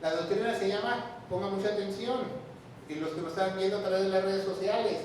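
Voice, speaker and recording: Emphatic pastor in a booming echoey hall. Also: male voice, fairly even intonation, brisk, a little mellow, slight background noise. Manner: emphatic, repeats key phrases, asks the audience rhetorical questions. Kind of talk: Bible teaching sermon. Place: church or large hall, with the sermon streamed online. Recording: very echoey room, voice far from the mic.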